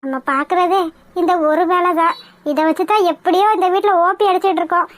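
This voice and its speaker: A woman's voice: very high voice, fairly quick. A woman voicing a nervous young nanny in a village cartoon, pleading and anxious.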